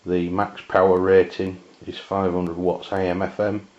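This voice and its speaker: A very low-voiced man with an English accent goes over some equipment as an informal amateur radio reviewer. He sounds flat and matter-of-fact, pausing haltingly, and the sound quality is dull and lo-fi.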